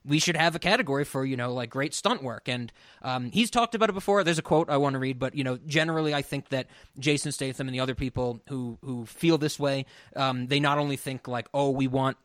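A man's voice: medium pitch, fairly quick, hardly any pauses, a bit bright, no room sound, studio quality. A man co-hosting a podcast, talking in a loose, rambling way with many restarts. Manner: laughs often. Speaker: podcast co-host. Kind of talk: casual chat.

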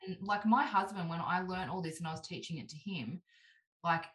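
Brief: woman, 30s, low-pitched chatty guest, lots of "like", echoey room. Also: a little fast. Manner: animated, heavy use of "like", acts out quoted voices. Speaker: podcast guest. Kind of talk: casual chat. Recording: roomy echo.

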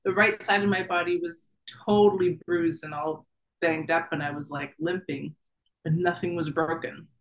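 A woman's voice: lowish voice, steady tone, moderate pace, poor audio. A woman in her thirties, a podcast guest, vividly retelling a personal story, chatty, with many fillers and acted-out thoughts. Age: 30s.

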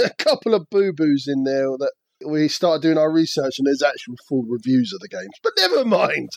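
A man's voice: fairly high pitch, very animated, creaky, no echo. A man hosting a casual board game podcast, joking and laughing easily. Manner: jokey, quick to laugh. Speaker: podcast host.

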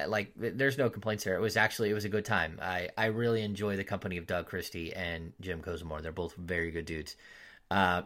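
A man hosting a sports podcast, chatting casually and telling stories with animated, loud quoted voices. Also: fairly low pitch. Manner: animated storytelling, loud voices when quoting fans. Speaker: podcast host, team insider.

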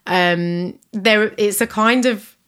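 A woman's voice: mid-range voice, slow pace, a bit bright, smooth. A young woman talking casually and enthusiastically, rambling with lots of fillers and laughs. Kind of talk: casual chat.

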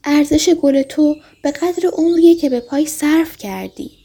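A woman voicing a wistful, gentle fox who longs for friendship, in a storybook reading. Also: high-pitched. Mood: earnest. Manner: gentle, heartfelt, pleading.

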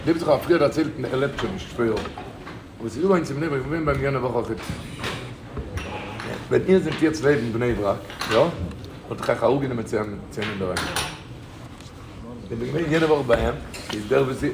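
A man giving an informal rabbi's talk to a group, emphatic, repeating his key phrases and rising into bursts of emphasis. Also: mid-range voice. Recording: echoey room with loud background noise.

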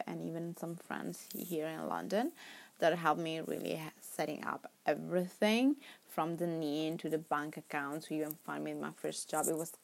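An Italian woman in her twenties hosts her own podcast in English with an Italian accent, her voice low-pitched and darkish. She chats casually and rambles on her own, laughing often and sometimes dropping to a whisper.

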